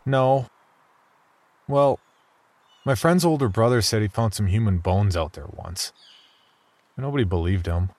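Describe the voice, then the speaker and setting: A man's voice: lowish voice, a little slow, long pauses, darkish tone, no echo. A man voicing a cautious twelve-year-old boy. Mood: wary. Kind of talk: horror story dialogue.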